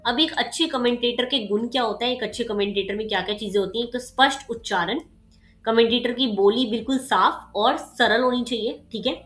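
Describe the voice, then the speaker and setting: A woman tutor with a slightly sharp voice, giving a casual exam-prep lecture. She explains with everyday examples and keeps checking in with "ठीक है" and "okay". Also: on the high side, brisk, echoey room.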